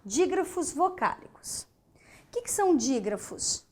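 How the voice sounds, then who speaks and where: A woman's voice: high-pitched, sing-song, a little slow, a little mellow. A woman teacher with a Brazilian Portuguese accent giving a grammar lesson, emphatic, repeating key words and checking in with the class.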